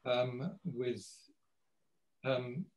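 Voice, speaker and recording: A man's voice: medium pitch, very slow, darkish tone, highs cut off. A man speaking as a guest in an academic panel conversation over a video call. He talks hesitantly, with many restarts and repeated words.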